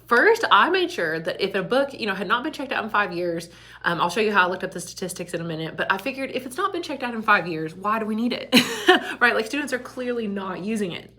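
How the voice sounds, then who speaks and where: Fast and expressive, with a medium pitch and a sharp tone, a school librarian chats casually over video. She laughs often, and the empty back storage room around her gives her voice an echo.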